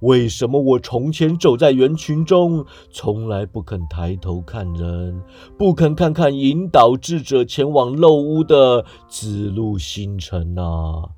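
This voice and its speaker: Slow, solemn ghost dragging his chains, voiced by a man for a storybook reading. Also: medium pitch, expressive, mellow, soft background music. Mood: lamenting. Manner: slow, drawn-out, heavy delivery.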